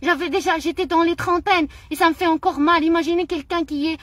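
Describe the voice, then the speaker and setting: A middle-aged woman with a high voice speaks straight to her audience in an impassioned monologue. She sounds indignant and emotional, circling back to the same phrases again and again. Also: fairly even intonation, brisk, fairly bright tone, no echo. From Morocco. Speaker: vlogger.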